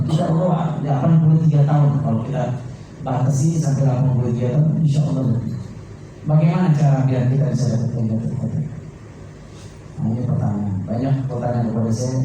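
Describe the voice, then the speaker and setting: A man's voice: on the high side, dark tone, a little hiss or hum. A man preaching a sermon, telling stories with quoted dialogue, reciting Arabic verses and putting questions to his listeners. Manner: addresses listeners directly, asking them questions. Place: mosque. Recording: echoey room, heard from a distance.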